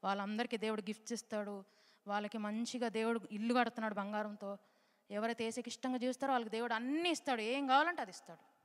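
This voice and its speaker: A woman leads a children's Bible class, talking fast and urging the kids on in a lively, coaxing way. Her voice sits a little high. It rings with the long echo of a hall. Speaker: Sunday school teacher.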